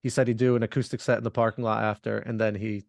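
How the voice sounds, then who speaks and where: A man co-hosts a podcast in relaxed, rambling conversation, laughing often. His voice has a gravelly edge. The sound is dry, with no room echo. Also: fairly low pitch, fast talker. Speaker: podcast co-host. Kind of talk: casual chat.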